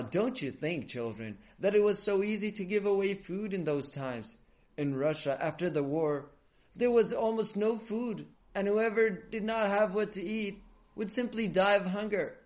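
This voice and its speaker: Animated male children's storyteller. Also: a little high. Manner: animated, expressive. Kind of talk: dramatic story narration.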